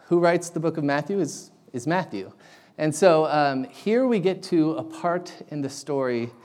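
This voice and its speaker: A man's voice: mid-range voice, a little mellow. Casual young male preacher, echoey hall. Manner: casual, halting, many ums and restarts. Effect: echoey big-room sound. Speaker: guest preacher. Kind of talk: sermon.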